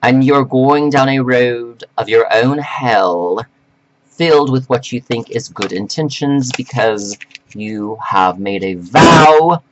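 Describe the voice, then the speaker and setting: A man delivering a slow, preachy, scolding monologue to men, reading from notes with sudden jumps in pitch. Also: a bit bright, dull audio. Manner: reads from notes. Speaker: self-styled life coach addressing men. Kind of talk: lecturing monologue to camera.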